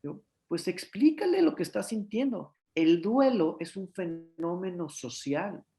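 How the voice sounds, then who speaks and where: Man, relaxed medical lecture, tag questions, acts out little dialogues. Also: sits high, a little slow, creaky. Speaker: pediatrician giving an academic talk.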